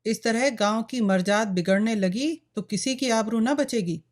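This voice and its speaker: A woman's voice: fairly high pitch, measured pace, darkish tone, natural voice. A woman voicing a blunt, stern village father. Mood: defiant. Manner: blunt, fearless. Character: bold older village man, a stern father.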